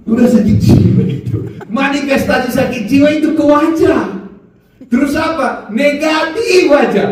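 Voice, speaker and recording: High-voiced preacher in an echoey hall. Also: male voice, distant mic, a little hiss or hum. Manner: lively preaching, swinging between low and high pitch. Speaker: pastor. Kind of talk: sermon.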